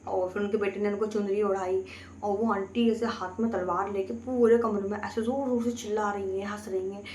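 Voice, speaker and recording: Woman storyteller, earnest first-person recounting, medium pitch, echoey room. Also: fairly even intonation, fairly quick, a little mellow, a little hiss or hum. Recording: roomy echo, faint ambience.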